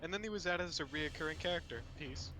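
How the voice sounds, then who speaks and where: A man's voice: fairly high pitch, fast, music in the background, poor audio. A man co-hosting a let's play, reading game dialogue aloud with casual comments.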